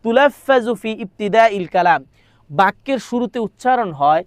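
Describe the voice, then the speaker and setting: A man's voice: high voice, lively intonation, normal speed, no room sound, clean studio sound. A man teaching an exam-prep grammar lesson. He reads lines aloud, translates them, repeats them, and keeps asking rhetorical questions. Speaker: madrasa exam tutor.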